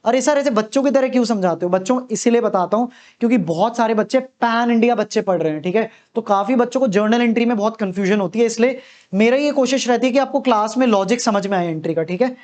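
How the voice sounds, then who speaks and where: In a classroom lecture on accountancy, a man with a high, darkish voice speaks quickly, posing questions and answering them as his students would. He keeps checking understanding with a frequent, reassuring "okay."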